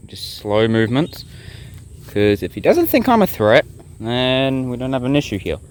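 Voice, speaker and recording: A young male bushcraft vlogger rambles casually and relaxed, talking straight to viewers outdoors in the bush, with handheld sound and insect noise behind him. He's sick, with a blocked nose and sore throat, and his mid-range voice moves at normal speed.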